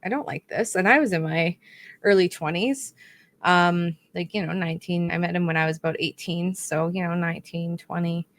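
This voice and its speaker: A woman's voice: lowish voice, normal speed. A young woman co-hosting a podcast, chatting casually in a rambling, self-correcting way. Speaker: podcast co-host. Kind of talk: casual chat.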